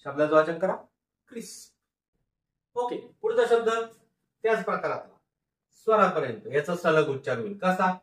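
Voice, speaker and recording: High-voiced man teaching phonics, echoey room. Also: animated. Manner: slow, drawn-out syllable-by-syllable sounding out, repeats each word. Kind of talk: phonics lesson, sounding out words. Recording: echoey room, voice a bit far from mic.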